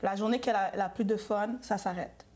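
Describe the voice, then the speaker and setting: A woman speaks as a guest in a casual interview. Her voice sits at a middle pitch for a woman. She talks earnestly and often pauses on hesitant fillers. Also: fairly even intonation, a little mellow. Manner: earnest, hesitant with many euh. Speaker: guest, mother.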